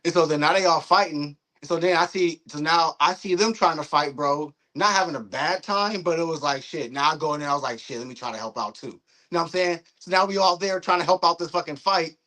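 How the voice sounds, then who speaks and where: A young man, a guest in a casual interview, telling a story in a lively, profane way, acting out what people said. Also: a little high, quick pace, poor audio. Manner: animated, profane storytelling with acted-out quotes.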